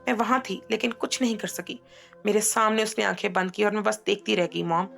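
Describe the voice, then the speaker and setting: A woman's voice: fairly low pitch, fairly even intonation, quick pace, faint music behind, natural voice. A woman voicing a grief-stricken young woman who is crying and stammering through her tears. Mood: sobbing grief.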